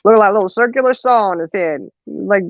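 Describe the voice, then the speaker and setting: Animated woman telling a story. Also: mid-range voice, a little fast, vocal fry, dry recording, dull audio. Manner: animated, acts out quotes, laughs often. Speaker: show co-host telling a story. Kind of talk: casual storytelling chat.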